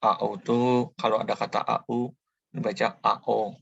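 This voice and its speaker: Male teacher, patient and repetitive, flat low delivery, dull dry recording. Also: moderate pace, creaky, husky, no echo. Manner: patient, repeats each sound several times. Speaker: language teacher. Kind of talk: slow spoken tutorial.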